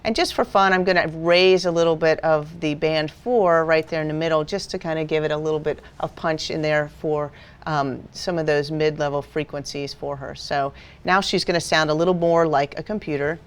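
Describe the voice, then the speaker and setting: A woman with a lower-pitched voice walks through a software tutorial one step at a time. She explains patiently and plainly, like a teacher guiding a class. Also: steady tone, moderate pace, few pauses, smooth. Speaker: video editing instructor. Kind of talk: screen-recorded software tutorial.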